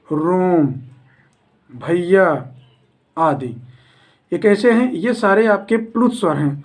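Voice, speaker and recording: Man teaching, asking and answering himself. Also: sits high. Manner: asks questions and answers them himself; repeats key definitions slowly. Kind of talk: explaining a grammar lesson.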